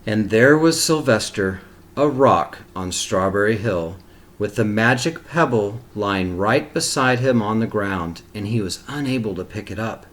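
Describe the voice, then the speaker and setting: A man reading a picture book aloud to young children, expressively and with deliberate phrasing. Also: fairly low pitch, expressive, fairly bright tone. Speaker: storybook reader for kindergarten children. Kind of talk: read-aloud storytelling with short asides.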